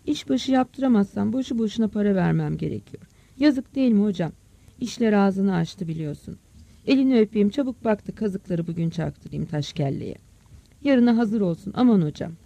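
A narrator voicing a pushy village builder who flatters and pleads in an audiobook story. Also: mid-range voice, moderate pace, vocal fry, no echo. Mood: pleading. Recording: dull, dry close recording.

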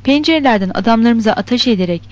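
A woman reading the lines of a hot-headed male striker in a novel, shouting insults. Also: a little high, expressive, quick pace, lightly acted. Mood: furious. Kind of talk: scripted narration of a novel. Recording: dull lo-fi recording.

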